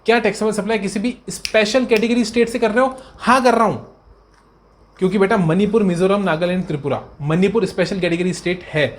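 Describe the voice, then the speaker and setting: A man tutoring accountancy students in a brisk revision lecture. He repeats key points and answers his own questions in a student's voice. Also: sits high. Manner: fond, coaxing tone toward students.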